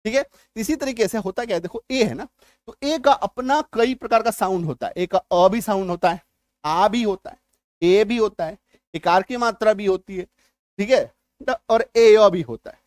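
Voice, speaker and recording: A man's voice: sits high, normal speed, darkish tone, no room sound. A middle-aged man teaching English spelling rules in a classroom style, explaining through homely comparisons and often checking that students follow.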